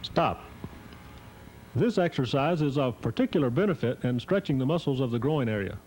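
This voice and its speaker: A man's voice: mid-range voice, expressive, darkish tone, a little hiss or hum, rough recording. Formal male narrator on worn VHS tape. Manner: measured, formal. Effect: worn VHS tape copy. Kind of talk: scripted instructional voice-over.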